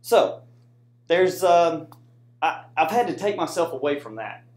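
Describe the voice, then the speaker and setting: A very animated American man with a somewhat high yet darkish voice talks a little slowly during an informal classroom presentation with slides. He's a soldier and student presenter who converses with the indoor audience, often checking in with "right?", in an echoey room.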